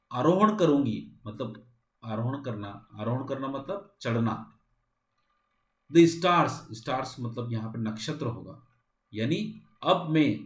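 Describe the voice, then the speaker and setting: A man teaches an exam-prep poetry class, reading each English line slowly before explaining it word by word in Hindi. His voice sits at an ordinary male pitch, and the room around him sounds echoey.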